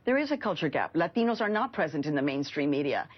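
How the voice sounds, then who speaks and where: A woman's voice: deep voice, big pitch swings, fast talker, breathy edge, lo-fi sound. A woman journalist from Mexico, raised in Chicago, speaking earnestly and with passion as a guest on a news panel. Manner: earnest and impassioned. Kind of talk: cable news panel discussion.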